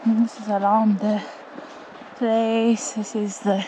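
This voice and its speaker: A woman from Malawi chatting casually in a vlog as she walks through deep snow around a countryside cabin, filming on a phone. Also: level tone, slow pace, mellow, slight background noise, low-quality recording. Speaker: vlogger.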